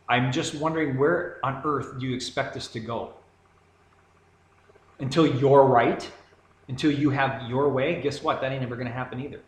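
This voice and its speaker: A man delivering a heated, rambling monologue to camera, sarcastic and insistent. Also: mid-range voice. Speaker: video commentator. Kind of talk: ranting monologue. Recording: echoey room with faint background noise.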